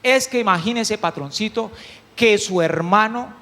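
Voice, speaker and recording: A man's voice: sits high, measured pace, sharp tone, exaggerated voice. A man preaching a sermon, playing a sly, gossipy farmhand servant who teases his young master and talks in a secretive, wheedling way. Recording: long hall reverb.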